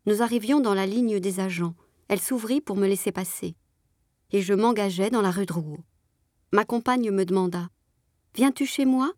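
A woman reading a literary story aloud in a measured, expressive way. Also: mid-range voice, no echo, studio quality. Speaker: audiobook reader.

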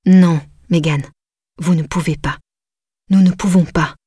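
A woman's voice: lowish voice, fairly even intonation, mellow, husky, dry recording, clean studio sound. A woman reading a firm male therapist. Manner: measured, firm. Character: calm professional male therapist.

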